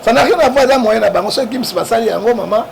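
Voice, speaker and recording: A man's voice: extremely high pitch, fast talker, gravelly. A Congolese man, a guest in an interview, talking politics with force in a Congolese French accent, often checking in with "hein?". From Democratic Republic of the Congo. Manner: emphatic, keeps asking "hein?" to prod the listener. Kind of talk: animated political talk. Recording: noisy background.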